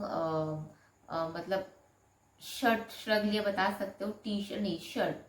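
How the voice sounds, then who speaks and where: A woman from Raipur, India, telling a personal story to camera in an animated, dramatic way, acting out what people said. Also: fairly low pitch. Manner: animated, dramatic storytelling that acts out quoted lines. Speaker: storyteller vlogger. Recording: echoey room.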